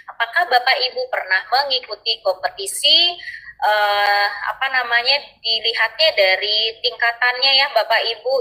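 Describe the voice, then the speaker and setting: A woman giving an explanatory tutorial to teachers, addressing them politely again and again and pausing often on filler sounds. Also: a little high, pushed and bright, rough recording. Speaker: teacher trainer.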